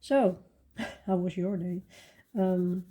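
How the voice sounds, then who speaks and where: A woman chatting casually while she colors, soft-spoken and rambling with fillers and restarts. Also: on the low side, fairly even intonation, slow. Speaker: coloring channel host.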